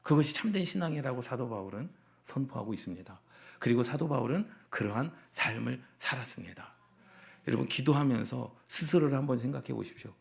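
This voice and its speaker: A middle-aged man preaching a sermon as pastor, asking the congregation rhetorical questions and building to loud emphatic peaks. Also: mid-range voice, expressive, brisk, gravelly.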